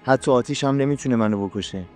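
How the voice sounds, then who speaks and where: Possessive young jinn woman, soft and threatening, read by a male narrator. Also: medium pitch, faint music behind, lightly acted.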